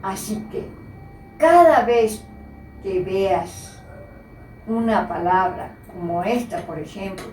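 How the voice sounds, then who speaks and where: A woman teacher giving a slow, patient spelling lesson and repeating the key words. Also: mid-range voice, a little hiss or hum. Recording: echoey room, voice from a distance.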